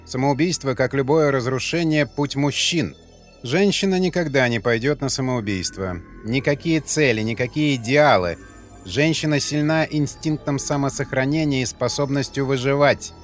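A man voicing a cruel female leader of warrior women, speaking in an eerily calm, menacing way over faint music. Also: mid-range voice, moderate pace, lightly acted. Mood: cold.

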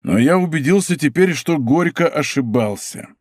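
A man's voice: a little high, animated, moderate pace, a little mellow, no room sound, studio quality. A man voicing a boastful, good-natured musketeer who talks grandly and plays melancholy.

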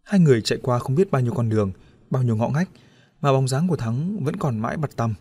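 A man narrating an audiobook story in a steady, even storytelling manner. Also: medium pitch, quick pace, husky, dry recording.

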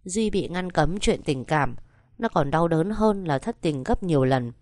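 A woman narrating a family story in a calm, measured reading voice. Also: sits low, no echo, clean studio sound.

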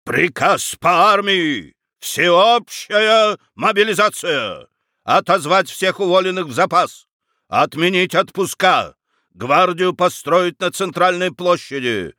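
A bossy, hot-tempered old duke rages and commands, as a male reader puts him on. His voice rides high and bright, jumping all over in pitch. It sounds close and dry. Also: slow, hardly any pauses, no room sound. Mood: shouting, indignant. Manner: shouting, indignant, bossy commands. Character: pompous excitable old duke, a ruler.

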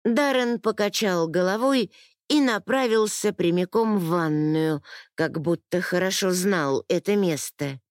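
A woman narrating a novel in first person with measured, even storytelling. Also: fairly low pitch, no echo, clean studio sound. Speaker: audiobook narrator.

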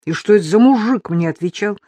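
A woman voicing an excited, loyal male friend calling on the phone in an audiobook, speaking in quick exclamations. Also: mid-range voice, no room sound, natural voice. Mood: caring.

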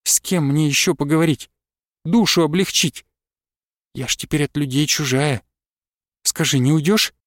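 A man's voice: a little high, normal speed, long pauses, a bit bright, no room sound, clean studio sound, natural voice. A man voicing a devoted young peasant wife who pleads in an earnest, tender rush of words. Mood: pleading.

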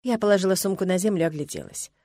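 A woman's voice: mid-range voice, very fast, warm tone, dry recording. Woman narrating an audiobook, dry sound. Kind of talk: first-person audiobook narration.

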